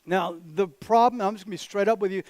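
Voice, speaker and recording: A man's voice: high voice, fast talker, darkish tone, dry recording. A man preaching a sermon as a pastor, direct and conversational, with teasing asides to the congregation. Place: church.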